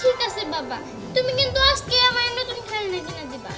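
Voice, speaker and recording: A woman's voice: extremely high pitch, very animated, fairly quick. A woman playing a young village girl, a wronged stepdaughter who complains and pleads. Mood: plaintive. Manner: plaintive, whiny, pleading. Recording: music playing under the voice.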